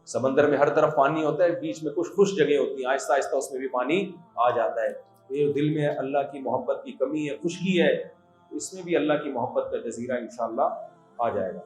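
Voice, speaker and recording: A man's voice: mid-range voice, darkish tone. A man gives a humorous religious lecture, telling stories with jokey asides to an audience of students. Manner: storytelling, jokey asides, quoting voices. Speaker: religious scholar giving a talk. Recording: echoey hall, faint music.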